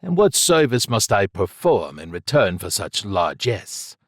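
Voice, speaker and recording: A male narrator voices a shifty thief in an audiobook story, his low voice captured close and dry with no echo. The thief dodges questions and jokes flippantly, hiding his nerves behind slangy bravado, sounding stiff and wary. The delivery is husky and unhurried, with wide pitch swings and an exaggerated character voice.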